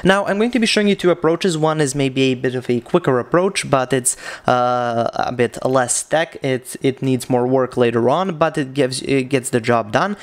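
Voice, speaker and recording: A young man from Serbia, chatty and casual with frequent fillers, teaching a screen-recorded software tutorial into a studio mic in a small room. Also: mid-range voice. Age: young adult. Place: small dim room with shutter behind. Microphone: studio condenser mic on boom arm.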